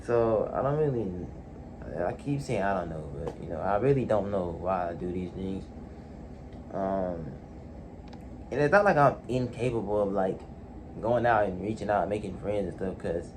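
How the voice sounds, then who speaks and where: Alone in his bedroom, a late-teen vlogger talks casually to the camera, hesitant and full of fillers and restarts. His voice is fairly low, and the background is noisy.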